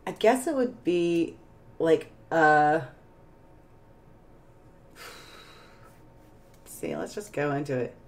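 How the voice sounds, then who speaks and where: A woman streamer chatting casually on a live stream, tired and a bit hoarse, rambling as she searches for words. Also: low-pitched, animated, very slow, long pauses. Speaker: game streamer.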